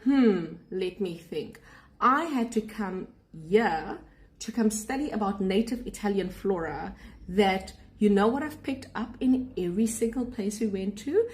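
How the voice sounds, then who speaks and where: A young South African student living abroad rants straight to the camera in a sarcastic, indignant vlog, speaking with a South African accent. Her medium-pitched voice is expressive, a little slow and slightly mellow.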